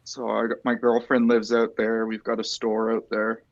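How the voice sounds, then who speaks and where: A man's voice: on the low side, normal speed, creaky, no room sound, highs cut off. Laid-back man telling stories. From Ontario, Canada. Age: 30s. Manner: relaxed storyteller, swears casually. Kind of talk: casual chat.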